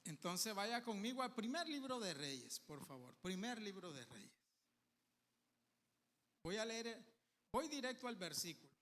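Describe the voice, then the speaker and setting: A man preaching a sermon with emphatic bursts and quiet asides, calling the congregation to say amen. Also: sits high, sing-song, a little slow, long pauses, long reverb tail. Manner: calls on the congregation for amens.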